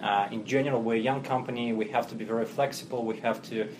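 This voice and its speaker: A Russian company chief with a Russian accent appears as a guest in a podcast interview, speaking in plain, businesslike terms. His medium-pitched voice is steady and quick, fluent but with non-native phrasing and frequent fillers, against a noisy background.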